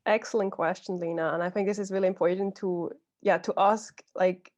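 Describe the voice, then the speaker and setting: A woman's voice: medium pitch, fairly even intonation, fairly quick, a little mellow, highs cut off. A young woman from Switzerland speaking on an online panel, hesitant and often repeating words as she searches for them. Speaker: youth climate advocate, panelist.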